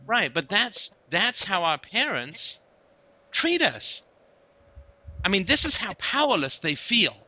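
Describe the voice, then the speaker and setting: A man with a very bright, sharp voice hosts a relaxed but emphatic conversation. He keeps checking in with his listener, punctuating his points with "right?" as he builds an argument. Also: high voice, a little slow, few pauses. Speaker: host. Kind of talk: casual philosophical conversation.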